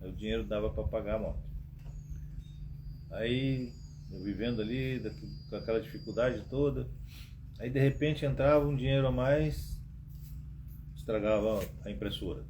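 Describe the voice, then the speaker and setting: A man's voice: fairly low pitch, moderate pace, pauses often. A man hosting a live stream, telling rambling anecdotes and acting out the dialogue, with frequent tag questions. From Brazil. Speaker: host. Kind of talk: casual live-stream storytelling. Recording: muffled live-stream audio with background noise.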